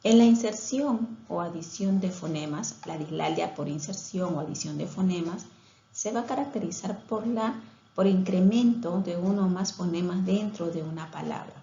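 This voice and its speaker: A woman's voice: lowish voice, moderate pace, warm tone, reverberant, lo-fi sound. A woman giving a recorded lecture on speech therapy, explaining things step by step with some hesitations and restarts.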